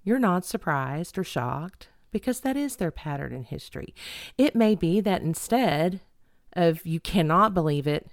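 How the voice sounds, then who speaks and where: Emphatic middle-aged female podcast host, animated and lively in delivery, dry recording. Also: on the low side, a little slow, no room sound. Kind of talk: self-help podcast monologue.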